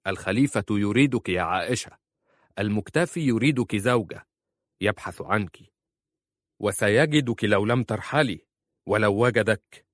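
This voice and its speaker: A man's voice: lowish voice, animated, fairly quick, a bit bright, dry recording, studio quality. A man voicing a stern, impatient husband who gives curt orders. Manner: curt and commanding.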